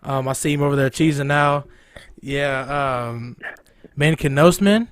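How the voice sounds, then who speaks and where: A man's voice: medium pitch, steady tone, measured pace, clean tone, dry recording. A man hosting a local sports talk show in a casual, conversational style. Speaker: host of a local high school sports show.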